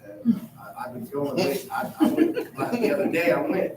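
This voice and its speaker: A man's voice: fairly high pitch, wildly swooping pitch, moderate pace. A man in his thirties telling a personal story in casual, profane talk in a counseling group. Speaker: group member. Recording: echoey room, mic far off, noisy.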